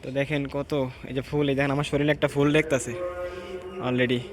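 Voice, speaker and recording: A man gives a hushed, reflective walking tour of an outdoor graveyard, pausing to read the graves aloud. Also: mid-range voice, flat delivery, music in the background. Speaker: vlogger. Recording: outdoor ambience noise.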